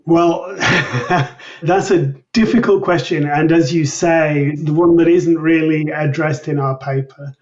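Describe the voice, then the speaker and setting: Speaking slowly with fairly even intonation and a fairly high pitch, a man who is a medical researcher explains things with care and precision as an interview guest. The recording comes through a distant, dull, lo-fi remote line.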